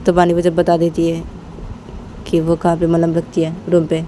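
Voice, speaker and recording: Give me a woman with a deep, mellow voice casually retelling a love story. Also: completely flat delivery, normal speed, a little hiss or hum. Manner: rambling, repetitive retelling.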